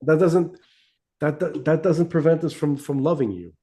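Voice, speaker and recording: This podcast co-host's voice is on the high side with a dark tone, and he keeps a moderate pace. In a casual talk about religion, he meanders, restarts a lot, and punctuates points with "right?" and "okay?"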